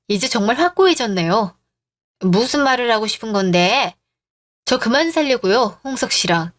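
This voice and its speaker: A woman voicing a fed-up young wife in a radio drama, speaking in sharp, clipped retorts. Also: a little high, close to an everyday voice.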